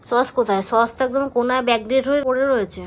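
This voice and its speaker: A woman's voice: a little high, very fast. A young woman vlogging in a casual, chatty way. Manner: lively and chatty, hushed late at night. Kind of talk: casual vlog chat.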